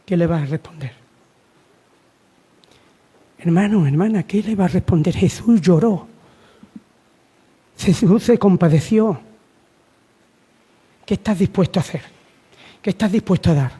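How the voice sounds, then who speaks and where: A man's voice: high-pitched, measured pace, long pauses, warm tone, slightly rough. A man from Spain preaching a sermon, urging his listeners with repeated lines and rhetorical questions. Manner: repetitive, exhortative, rhetorical questions.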